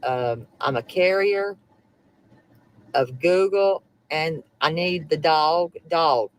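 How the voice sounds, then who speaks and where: A woman's voice: sits low, slow pace, low-quality recording. A woman leaving a rambling voicemail, muttering curses as she goes. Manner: rambling, curses under her breath. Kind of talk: phone call recording played back.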